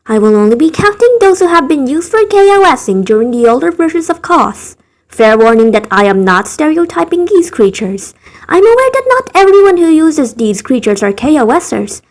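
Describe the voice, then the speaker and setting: A gaming video narrator, a woman, reads a scripted ranking of game creatures, adding wry, rambling asides in a voice she herself calls tired and dead. Her voice sits high and has a sing-song lilt at a moderate pace.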